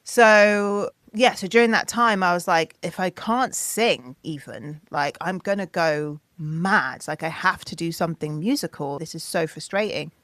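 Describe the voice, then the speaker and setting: In this podcast interview, a singer and producer in her thirties recounts stories with lively energy, raising her voice to act out other people's lines. She speaks at a measured pace with a lowish voice and hardly any pauses, and there's no echo.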